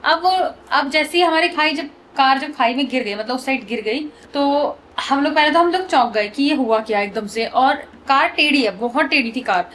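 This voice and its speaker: Young woman vlogger, high and quick, animated storytelling, faint hiss behind. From Uttarakhand. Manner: fast animated retelling of an accident. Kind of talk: casual storytelling.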